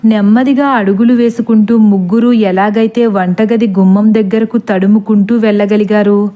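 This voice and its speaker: A woman narrating a scripted horror story in a steady, dramatic reading. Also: mid-range voice, normal speed.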